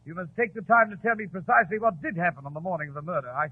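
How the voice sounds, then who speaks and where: An actor playing an amiable, admiring doctor, the detective's companion, hearty and exclamatory in 1940s radio style. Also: male voice, high voice, expressive, very fast, slightly rough. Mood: puzzled, admiring. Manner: hearty, exclamatory, old-fashioned British turns of phrase. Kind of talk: 1940s radio drama acting. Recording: tinny 1940s radio recording.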